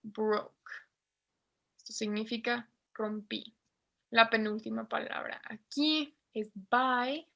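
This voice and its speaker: A woman's voice: on the high side, takes it slowly, vocal fry, fairly bright tone. A woman with a Mexican Spanish accent, teaching a basic English lesson and patiently spelling out pronunciation. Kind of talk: online class lesson.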